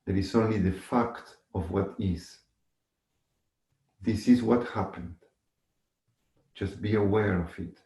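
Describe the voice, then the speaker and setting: Slow, low-voiced man guiding a meditation. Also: fairly even intonation, vocal fry. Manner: measured, instructive, with long pauses and gentle repetition. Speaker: meditation teacher. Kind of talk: guided meditation. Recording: echoey room.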